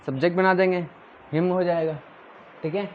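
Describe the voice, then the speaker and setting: A man's voice: high-pitched, steady tone, normal speed, dull audio, slight background noise. A male teacher giving a classroom grammar lesson, drilling his students with questions and answers.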